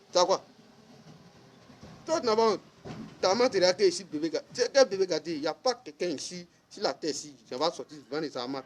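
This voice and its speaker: A man's voice: on the high side, a little mellow. A man, ranting casually and scolding someone directly, repeating himself for emphasis. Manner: scolding, repetitive, addresses listener directly. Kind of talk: casual spoken rant.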